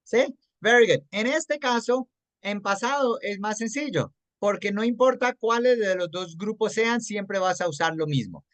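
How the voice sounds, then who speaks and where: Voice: medium pitch, measured pace, fairly bright tone, dry recording. An English teacher with a Colombian accent explains grammar to a student in an online class, mixing English words into Spanish and often checking that the student follows. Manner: patient, checks understanding often.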